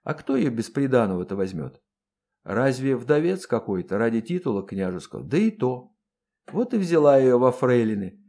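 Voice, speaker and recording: A man's voice: mid-range voice, big pitch swings, moderate pace, warm tone. A man voicing a lazy, earthy, plain-spoken empress who drawls in folksy speech for an audiobook. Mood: musing. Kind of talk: audiobook character voice.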